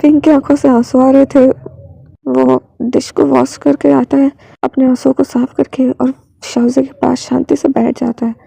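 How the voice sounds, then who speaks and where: A woman reading a fan fiction story aloud in a plain, unhurried way. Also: high voice, flat delivery, gravelly, mellow, husky, dry recording.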